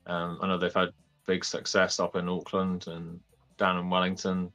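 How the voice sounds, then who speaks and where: A young man with a New Zealand accent chatting casually and haltingly as a laid-back podcast guest. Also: low voice, monotone, sharp tone, dull audio, soft background music. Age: young adult. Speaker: podcast guest, toy fair organiser. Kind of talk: casual chat.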